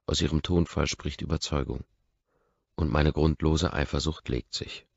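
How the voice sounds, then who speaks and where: A man's voice: rumbling low, steady tone, normal speed, vocal fry, slightly rough, no room sound. A man narrating a first-person audiobook in a brooding, intense inner-monologue manner, in a dull lo-fi recording.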